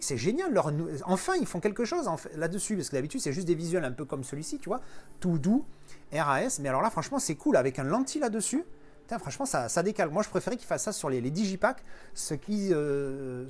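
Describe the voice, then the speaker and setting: A man giving casual, enthusiastic commentary while he unboxes a collector's edition. He exclaims and swears often as he talks. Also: fairly high pitch.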